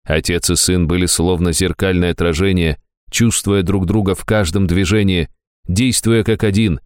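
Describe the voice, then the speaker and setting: A man narrating a fantasy audiobook in a very deep, low voice. His tone is smooth and resonant, and the recording is dry and close. He reads at a measured, even pace. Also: no room sound.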